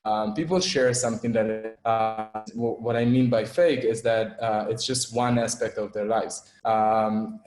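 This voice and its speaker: A man's voice: medium pitch, darkish tone, reverberant. A young man from Israel giving an online talk as guest speaker, hesitant, with many fillers and restarts.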